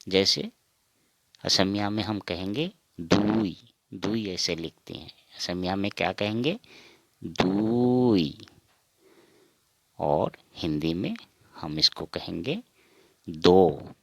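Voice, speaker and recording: A man with a very low, gravelly voice teaches numbers at an unhurried pace. He repeats every word and asks and answers his own questions. The sound is dry and close. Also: expressive, bright, forceful tone, no room sound. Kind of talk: slow spoken counting lesson.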